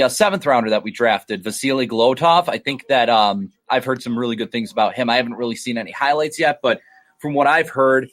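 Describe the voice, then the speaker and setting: A man's voice: medium pitch, fairly bright tone. A man co-hosting a sports podcast, giving casual analysis full of "you know" and "uh.". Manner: hedging, filler-heavy analysis. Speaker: podcast co-host.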